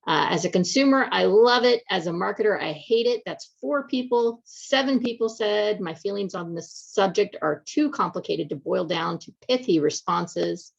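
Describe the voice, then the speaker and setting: A woman's voice: medium pitch, expressive, normal speed, gravelly, few pauses, muffled recording. A woman hosting a live online community event, chatty and upbeat, with plenty of fillers. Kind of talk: casual live webinar hosting.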